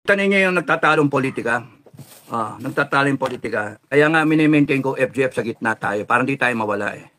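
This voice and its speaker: A man's voice: medium pitch, expressive, fast talker, pushed and bright. A man ranting angrily in a political vlog, cursing often and switching into English. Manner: heated, cursing, mixes Tagalog with English. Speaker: political vlogger. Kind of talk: angry political vlog rant.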